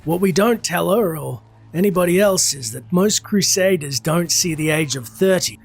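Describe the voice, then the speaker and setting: A narrator with a mid-pitched voice reads a scripted fantasy game story. The telling is formal, with faint music underneath. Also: gravelly, breathy edge. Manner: formal storytelling in first person plural.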